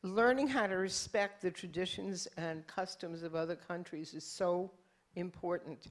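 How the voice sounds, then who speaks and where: A woman's voice: fairly low pitch, moderate pace. A woman moderating a panel discussion, telling a personal story in a conversational way.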